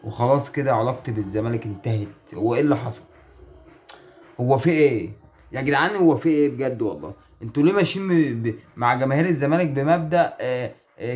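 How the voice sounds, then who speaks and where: Man, Egyptian accent, rapid speech, mid-range voice, exasperated, pleading, rhetorical questions. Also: medium pitch, a little mellow. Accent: Egyptian Arabic. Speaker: online sports commentator. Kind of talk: casual video commentary.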